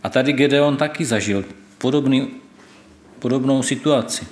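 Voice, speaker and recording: A man preaching a sermon, retelling a scripture story and stressing God's words, with a few hesitations. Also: mid-range voice. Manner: thoughtful, with hesitations. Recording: echoey room.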